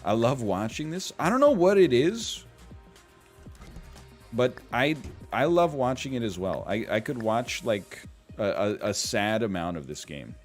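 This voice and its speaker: A man's voice: medium pitch, sing-song, unhurried, faint music behind. A man casually commenting on a management game he is playing, goofy and rambling, with playful exclamations. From Canada. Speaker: gaming streamer. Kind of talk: casual let's-play commentary.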